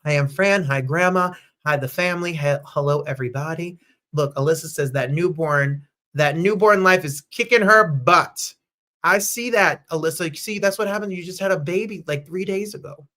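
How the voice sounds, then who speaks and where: A man's voice: on the high side, normal speed, bright, forceful tone. A man hosting a casual livestream chat show from home, upbeat and chatty, greeting viewers by name. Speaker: host.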